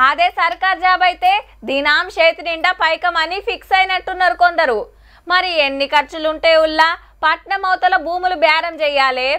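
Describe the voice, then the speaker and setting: A woman's voice: very high-pitched, sharp tone. A woman presenting satirical news commentary in a Telangana Telugu accent, wry and sarcastic.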